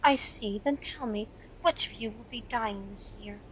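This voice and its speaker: A woman playing a stern, brisk, wry older professor in an audio drama, with a dry, exasperated manner. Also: on the high side, slight background noise, natural voice, poor audio.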